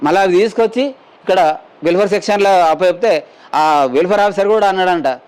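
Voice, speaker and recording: A man's voice: sits high, fairly quick, a little mellow, smooth. A middle-aged man, telling an interviewer in a plain, rambling way what happened to him and quoting the people he met. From Telangana, India. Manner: plain rambling retelling, quotes others in dialogue. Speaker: injured mine worker telling his story. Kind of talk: spoken testimony to a news camera.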